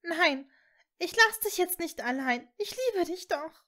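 A woman voicing a desperate, tearful young witch who pleads in a high, sobbing voice. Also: expressive, measured pace, fairly bright tone, heavily acted.

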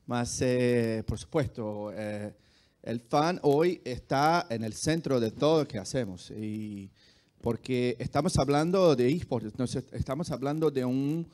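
Brazilian man, mellow, halting Spanish speaker. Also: medium pitch. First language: Portuguese. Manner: halting, searching for words in a second language. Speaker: esports executive, panelist. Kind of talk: live panel answer. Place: large auditorium stage, indoors. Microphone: handheld microphone.

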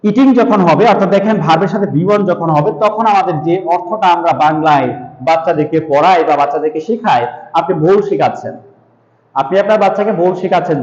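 A man teaching an English grammar lesson, explaining step by step, repeating himself often and drilling example sentences slowly. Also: high-pitched, reverberant, long reverb tail, muffled recording.

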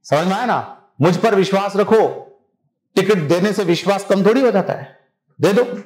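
A man's voice: high-pitched, moderate pace, darkish tone, echoey room, low-quality recording. A man teaching a civil services exam class in a conversational lecture style, often checking that his students follow him.

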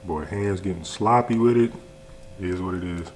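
This food reviewer and video host, a young adult American man, eats and chats to the camera indoors in his home kitchen in a laid-back, slangy way. He speaks at normal speed in a low-pitched voice, with slight background noise.

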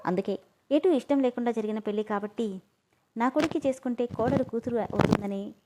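A woman voicing a stubborn middle-aged man who insists on a marriage, speaking forcefully. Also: a little high, a little fast, background noise, lightly acted.

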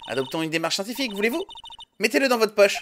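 A man's voice: high-pitched, expressive, fast talker, background noise, pitched above the performer's own voice. A man voicing an eager, bossy young girl detective in a video game, speaking in a raised voice. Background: game music.

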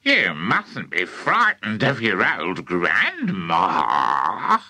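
A man voicing a gloating, menacing old grandmother with a witchy streak, in a slow, relishing, creepy drawl. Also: deep voice, huge pitch swings, sharp tone, no room sound, full character voice.

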